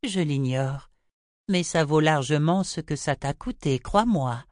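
A man reading an audiobook, voicing a cryptic, aloof woman seer in a raised, slow voice with dry, close sound. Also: dry recording, lightly acted. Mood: evasive. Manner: raised pitch, slow measured delivery. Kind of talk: audiobook character voice.

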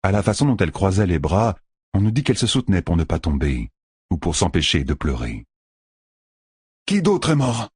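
A man narrating an audiobook in an expressive storytelling manner. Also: sits low, a little fast, breathy edge, dry recording, clean studio sound. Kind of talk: scripted narration.

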